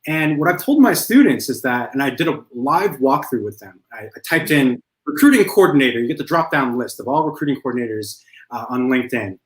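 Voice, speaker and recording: A man speaking as a career coach guest in a casual interview, relaxed and conversational, often tagging his points with a question. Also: mid-range voice, brisk, reverberant, poor audio. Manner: relaxed, conversational, frequent "right?" tags.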